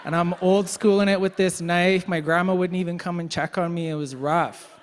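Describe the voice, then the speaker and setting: A young man with a fairly high voice hosts an evening event. He jokes at his own expense in loose, chatty banter, and his slightly worn voice rings out with the long reverb of a large hall. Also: level tone, brisk, slight background noise. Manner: joking, self-deprecating storyteller. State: voice getting worn. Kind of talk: casual emcee banter.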